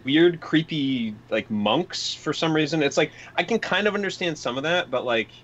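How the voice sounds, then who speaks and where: A man's voice: a little high, animated, normal speed, a bit bright. A man in casual chat about a film, rambling with frequent restarts and quoted asides. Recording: dull lo-fi recording.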